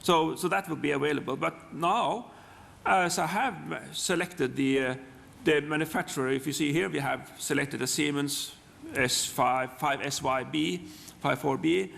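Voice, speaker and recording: A man with a Norwegian accent, a native Norwegian speaker giving a technical software demonstration, haltingly, often repeating words and restarting. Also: on the high side, vocal fry. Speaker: software presenter. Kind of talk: live technical demonstration talk. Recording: long hall reverb.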